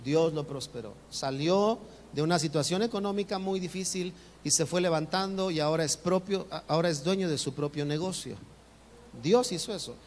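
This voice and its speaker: High-voiced pastor preaching in a hall. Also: male voice, normal speed, slight background noise. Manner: animated, acts out congregants' voices with rising pitch. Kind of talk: sermon. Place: church sanctuary. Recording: reverberant church hall, faint ambience.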